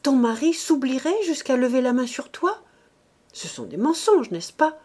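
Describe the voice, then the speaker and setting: A woman's voice: sits high, very animated, moderate pace, a little mellow, voice pushed up. A woman voicing an elderly self-righteous bourgeois mother who laments plaintively in an audiobook. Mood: indignant lament. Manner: indignant, plaintive.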